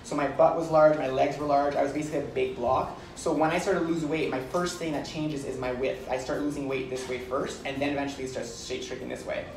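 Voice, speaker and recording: A man in his thirties chatting as a vlog co-host on a cruise ship balcony, friendly and explanatory, often agreeing with a quick yeah. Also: medium pitch, fairly even intonation, roomy sound, far from the mic, low-quality recording. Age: 30s. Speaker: vlogger co-host. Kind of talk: casual chat.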